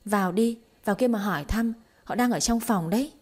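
A woman reading the part of a bold, scheming young wife who scolds quickly and mockingly, in an audio story. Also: mid-range voice, natural voice. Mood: sharp.

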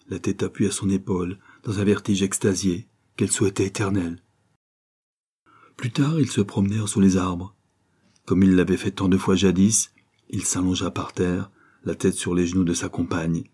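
A man reading a novel aloud as audiobook narrator, steady and expressive. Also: low voice, husky.

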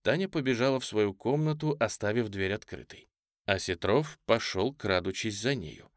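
A man with a fairly low voice reads a novel aloud in a measured, expressive way. The recording is close and dry, with no room sound. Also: dry recording. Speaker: audiobook narrator. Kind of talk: scripted literary narration.

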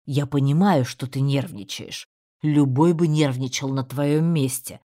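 A woman's voice: low voice, moderate pace, darkish tone, natural voice. A woman voicing a friendly male rat in an audiobook, speaking in a soothing, reassuring way.

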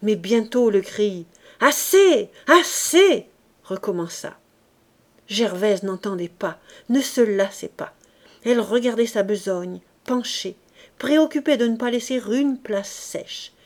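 A woman with a French accent reading a classic novel aloud as narration, raising her voice for the characters' shouts. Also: a little slow. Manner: acts out the characters' shouts with raised pitch and volume. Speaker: audiobook reader.

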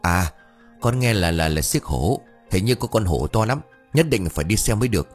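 A man voicing a cheeky, gossipy young village man who talks high and whiny, speeding up when upset. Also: expressive, moderate pace, breathy edge, faint music behind. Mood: chatty.

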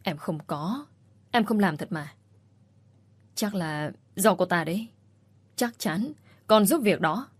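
A woman reading the lines of a spiteful young woman who scolds harshly, with a slightly low voice. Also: lively intonation, slow, long pauses, breathy edge, exaggerated voice. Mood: pleading. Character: spiteful scheming young woman, shrill bully.

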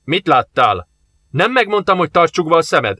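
A man's voice: mid-range voice, big pitch swings, sharp tone, no room sound. A man reading an audiobook, voicing a harried male police captain who speaks brusquely and with exasperation. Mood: irritated.

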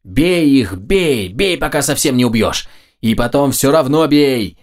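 A man's voice: normal speed, close to an everyday voice. A man voicing a brutish, foul-mouthed male ogre head who screeches for blood in an audiobook. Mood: bloodthirsty. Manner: shrill, screeching battle cries.

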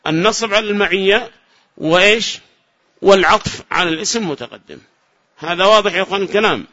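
A man teaching a classroom grammar lesson. He asks the class questions, answers them himself, and repeats the key phrases slowly. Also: a little high, bright, forceful tone. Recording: dull lo-fi lecture recording.

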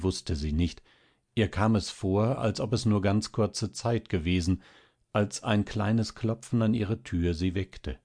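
Deep-voiced man reading a classic tale. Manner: calm, measured reading. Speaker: audiobook narrator. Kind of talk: scripted narration.

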